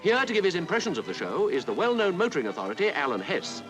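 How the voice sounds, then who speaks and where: A man's voice: high voice, huge pitch swings, fast. A man making a formal, ceremonious announcement in an old newsreel voice-over. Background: music.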